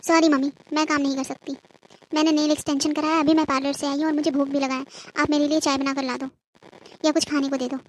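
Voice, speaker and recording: A woman's voice: high-pitched, flat delivery, fast talker, slight background noise, close to an everyday voice. A woman voicing a spoiled, lazy young daughter in a cartoon who talks back in a bratty, dismissive way. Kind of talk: cartoon voice acting.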